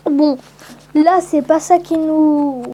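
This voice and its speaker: High-voiced, slow-talking woman gamer. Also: fairly even intonation, dark tone, slight background noise, poor audio. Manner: rambling and hesitant, many fillers. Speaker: gameplay commentator. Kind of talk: casual let's-play commentary.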